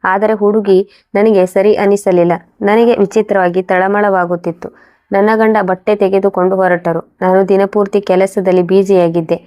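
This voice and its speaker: A woman reads a first-person moral story aloud at a steady, even pace. Her voice stays mellow and dark, and her pitch barely moves. The delivery is calm and level from line to line. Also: normal speed.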